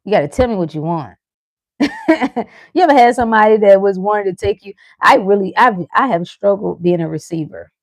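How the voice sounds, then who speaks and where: A woman giving a casual motivational talk as a life coach, animated and playful, often laughing and acting out the voices of the people she quotes. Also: medium pitch, brisk, no echo, studio quality.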